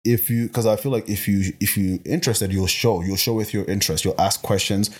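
A man talking as a guest on a podcast, a personal trainer who speaks in an animated way, full of fillers and acted-out quotes. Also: fairly low pitch, fairly quick, husky. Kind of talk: casual podcast conversation.

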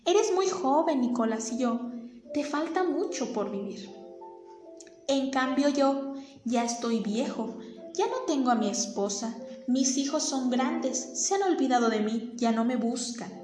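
Lady doing a gentle old farmer guy in a storybook, kind and tired, echoey. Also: high-pitched, expressive, measured pace. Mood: earnest. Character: weary old male farmer, kind and selfless. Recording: echoey room with faint music.

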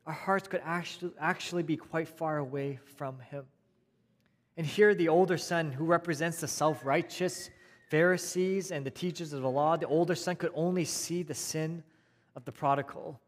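A man preaching a sermon in a conversational way, repeating phrases and swinging between raised emphasis and quiet, soft passages. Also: a little high, moderate pace. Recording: long hall reverb.

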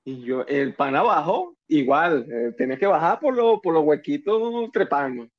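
A Venezuelan man spins animated, joking anecdotes among friends. His voice runs a little high. The sound is dull and lo-fi. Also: moderate pace. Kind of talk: casual chat among friends. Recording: muffled lo-fi sound.

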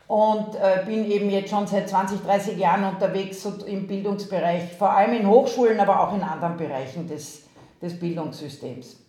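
An Austrian university president, a woman with an Austrian accent, speaks in an interview over a remote video call. Her mid-range voice is brisk, warm, and reverberant, and she comes across as thoughtful and hesitant, using frequent fillers.

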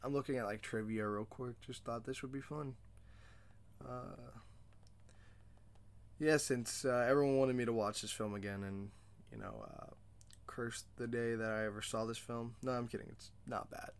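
A young man hosts a laid-back movie podcast, talking in a loose, rambling way with lots of ums and little self-mocking asides. His voice sits at an ordinary middle pitch for a man and stays relaxed and conversational. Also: moderate pace, gravelly. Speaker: podcast host. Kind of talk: casual movie discussion.

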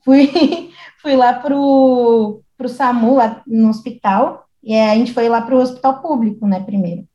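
Uma jovem mulher com sotaque brasileiro contando uma história de forma animada, imitando as vozes das pessoas da história. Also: female voice, a little high, unhurried, lo-fi sound. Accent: Brazilian Portuguese. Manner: animated, acts out quoted voices. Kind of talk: casual storytelling chat. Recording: echoey room.

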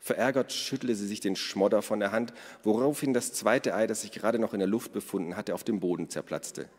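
A man reading a children's story aloud on the radio in a clear, even voice. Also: fairly low pitch, a little fast. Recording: long hall reverb.

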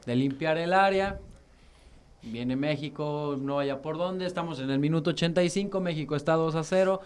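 A man with a Mexican accent giving live football play-by-play, excitedly repeating phrases as the action unfolds. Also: on the high side, normal speed, clean tone. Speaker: football match commentator.

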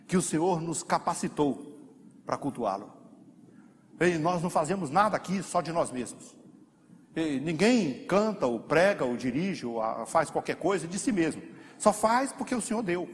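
High-voiced Brazilian preacher in a hall. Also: male voice. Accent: Brazilian Portuguese. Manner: dramatic, acts out the congregation's prayers, swells to shouting. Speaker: pastor. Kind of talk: sermon. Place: church hall. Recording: faint hall reverb, light room noise.

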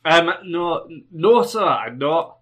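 A man's voice: on the high side, lively intonation, slow, a bit bright, soft background music. Man doing a fawning young Scottish job seeker. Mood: eager. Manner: overly polite, fawning, stammering. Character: nervous eager young man applying for a tavern job.

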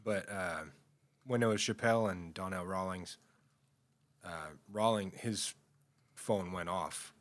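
A man's voice: sits low, slow pace, pauses often, a bit bright. A man co-hosting a podcast in casual chat, thinking aloud and musing over questions.

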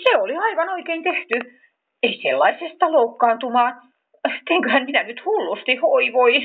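A fussy marten lady flutters and mutters to herself in a storybook, voiced by a woman. Her voice runs high and jumps around. The sound is thin and phone-like. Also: big pitch swings, slight background noise. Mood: muttering. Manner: flustered, fussing, muttering to herself.

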